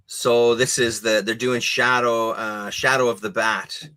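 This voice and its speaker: A man co-hosting a casual livestream chat over a video call, relaxed and rambling, now and then swearing offhand. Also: mid-range voice, measured pace, dry recording. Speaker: co-host.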